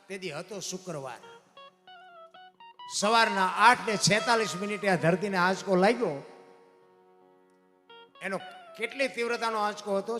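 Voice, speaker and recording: A man's voice: sits high, bright, forceful tone. A man, a folk storyteller talking in a homely, preachy way to a live audience and often calling them "bapu". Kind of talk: folk stage storytelling talk. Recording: long hall reverb, faint music behind.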